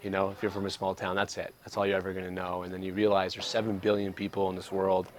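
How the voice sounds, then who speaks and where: Young male vlogger from Canada, deep and steady delivery, earnest and reflective. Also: fast talker, slight background noise. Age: 20s. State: out of breath. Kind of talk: casual travel vlog. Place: traveling abroad, outdoors and in.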